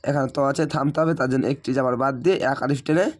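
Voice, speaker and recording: Hoarse man spelling out recitation. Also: medium pitch, steady tone, very fast. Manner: spells out letters and vowel marks syllable by syllable, patient. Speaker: Quran reading teacher.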